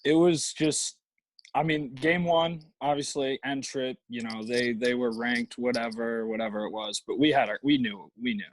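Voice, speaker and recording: Young male ballplayer guest, mid-pitched, dead-dry mic, rambling delivery. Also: fairly even intonation, moderate pace, no room sound, low-quality recording. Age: young adult. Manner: rambling, lots of fillers and restarts. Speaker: guest, college baseball player. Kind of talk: casual interview.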